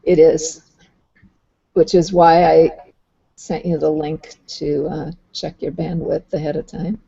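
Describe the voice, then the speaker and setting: A woman hosting a video call, patiently explaining how the software works and thinking aloud as she goes. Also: low-pitched, level tone, slow pace, gravelly, husky. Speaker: host. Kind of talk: casual explanatory chat. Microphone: computer mic on a video call. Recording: dull lo-fi online call audio.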